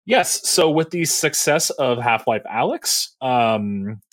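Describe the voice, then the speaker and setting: A man's voice: medium pitch, expressive, slow pace, no echo. A man co-hosting a casual gaming news chat, explaining stories with lots of ums and restarts. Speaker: podcast co-host.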